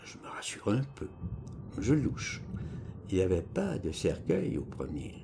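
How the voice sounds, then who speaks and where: Man narrating an audiobook, gravelly, lively intonation, lowish voice, music behind. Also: a little slow, noisy background. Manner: expressive, slangy first-person storytelling.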